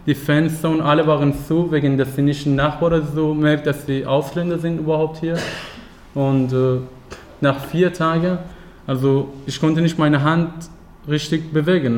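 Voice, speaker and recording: Halting young man speaking learner German. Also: fairly high pitch, darkish tone. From Afghanistan. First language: not German. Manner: halting, many fillers and restarts, simple German. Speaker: guest speaker. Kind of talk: personal account at a talk.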